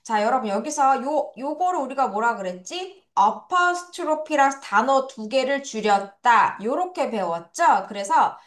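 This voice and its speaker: Her voice sits high with lively intonation, and though her pace is a little slow, she barely pauses. This young woman teaches kids English in a recorded lesson, addressing them as friends and having them repeat words after her to practice pronunciation.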